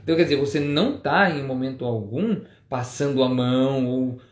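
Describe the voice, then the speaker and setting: A man's voice: mid-range voice, moderate pace, roomy sound. A man co-hosting a parenting talk, explaining things in a casual way with lots of tag questions. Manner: explanatory, many "né?" tags. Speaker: parenting show co-host, father. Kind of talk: casual couple conversation.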